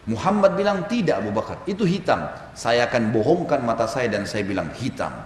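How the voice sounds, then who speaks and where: A man's voice: medium pitch, sing-song, a little fast, voice pushed down, lightly acted. A male preacher voicing an early companion, steadfast and loyal, in solemn firm declarations. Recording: echoey hall, faint background noise.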